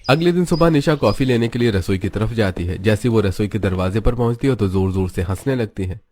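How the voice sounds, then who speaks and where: Man telling a cartoon story, low-ish voice, even delivery. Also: fairly quick. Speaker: narrator. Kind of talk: scripted story narration.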